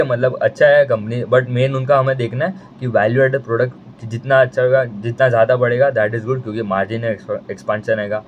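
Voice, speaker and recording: A man's voice: medium pitch, a little mellow, muffled recording, slight background noise. A man casually explaining company figures in a loose, conversational way, thinking aloud with fillers and restarts. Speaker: stock market analyst. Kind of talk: casual explainer in Hindi-English mix.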